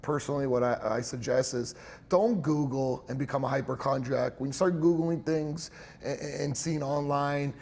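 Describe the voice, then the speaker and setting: Answering interview questions, a young man of Italian background describes the hearing care clinic where he works. His mid-range voice is gravelly and darkish, steady in tone, at an ordinary speed, and his explanations are chatty, peppered with fillers and brief laughs.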